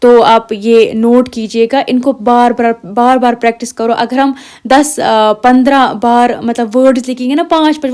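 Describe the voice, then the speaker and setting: A young woman teaching an exam-prep language lesson, patiently spelling out letters and words and repeating them slowly, with English words mixed in. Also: fairly high pitch, dark tone.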